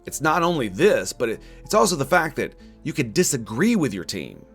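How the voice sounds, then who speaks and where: At normal speed, a man with a medium-pitched, fairly bright voice and big pitch swings delivers a scripted video game critique in a sardonic, opinionated way, over background music.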